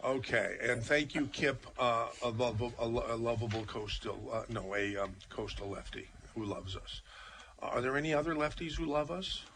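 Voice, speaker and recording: A man hosting a live talk radio show, chatting casually and haltingly as he addresses listeners. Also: medium pitch, fairly bright tone, a little hiss or hum.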